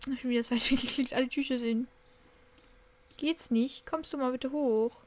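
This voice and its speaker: A young woman casually commenting while she plays a life-simulation game, chatty and cooing excitedly over new kittens. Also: sits high, moderate pace. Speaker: Sims let's play host.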